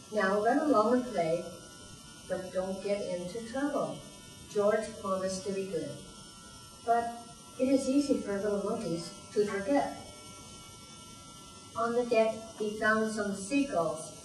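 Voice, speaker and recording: An older woman, a grandmother, reading a children's storybook aloud in a deliberate, expressive way for young children. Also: mid-range voice. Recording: roomy echo, distant mic, faint music.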